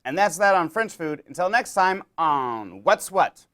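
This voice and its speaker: A young adult man hosting a mock-educational comedy monologue, rambling and deadpan with many fillers. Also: sits high, measured pace. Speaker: comedy show host.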